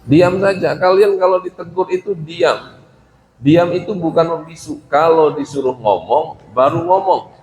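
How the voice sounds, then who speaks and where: A man gives a religious lesson, reading Arabic phrases from a classical text, explaining them, and acting out small dialogues. His voice is on the high side, a little mellow, and measured in pace. The recording sounds roomy with faint ambience.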